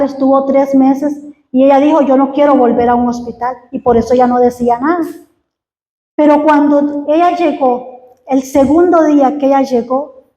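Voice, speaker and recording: A middle-aged woman giving an earnest testimony as a sermon, halting and restarting often. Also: sits high, warm tone, reverberant, muffled recording. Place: church hall.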